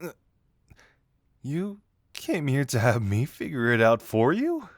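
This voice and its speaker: Man acting Dazai, a teasing, lively flirt. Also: mid-range voice, no room sound, studio quality. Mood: curious, teasing. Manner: teasing, theatrical, drawn-out words. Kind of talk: intimate roleplay audio acting.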